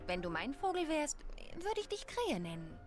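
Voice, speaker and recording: A woman's voice: sits high, wildly swooping pitch, moderate pace. A young woman playing a dry, matter-of-fact heroine in a video game, with game music behind. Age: young adult. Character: determined young female heroine. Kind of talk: game dialogue.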